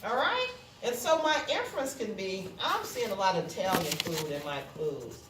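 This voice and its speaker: In an indoor classroom, a woman teaches a lesson step by step, repeating herself and checking that her students understand. Her medium-pitched voice is very animated, and she talks at a normal speed. The audio is roomy and noisy, picked up by a distant mic.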